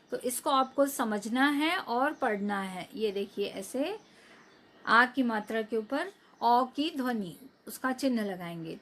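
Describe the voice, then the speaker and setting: A woman teacher with a somewhat high voice talks at a very slow, careful pace. She gives a recorded lesson to young children and stretches out each word so they can repeat after her. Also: a bit bright. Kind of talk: recorded online class lesson.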